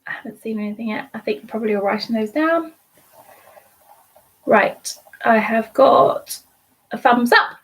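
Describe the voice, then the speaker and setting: A woman hosting a live online quiz from home, chatting casually and spelling out words slowly letter by letter. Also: a little high, breathy edge. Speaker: quiz host. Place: at home alone.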